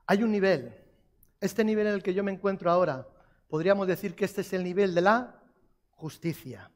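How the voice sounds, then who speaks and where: A man's voice: sits high, normal speed. A man preaching a sermon, repeating key phrases for emphasis and putting questions to the congregation.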